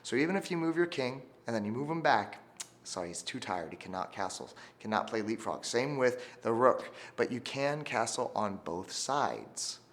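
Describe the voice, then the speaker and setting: A male chess teacher tells a lesson as a story, with a very lively, swinging pitch. He cues the kids to repeat key phrases back to him. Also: normal speed. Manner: animated storytelling, call-and-response. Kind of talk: instructional video for teachers.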